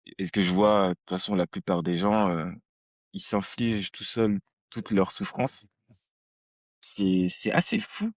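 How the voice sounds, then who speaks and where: A man's voice: deep voice, animated, measured pace, no echo, muffled recording. A man in his thirties hosting a podcast, chatting casually in a slangy, rambling storytelling way. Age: 30s. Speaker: podcast host. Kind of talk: casual conversation.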